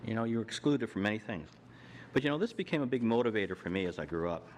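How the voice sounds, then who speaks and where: A man's voice: fairly low pitch, animated, fast talker, a little hiss or hum. An older man giving a plainspoken personal talk on a panel, walking through his slides with frequent restarts. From Canada. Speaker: panel speaker. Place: hall with audience.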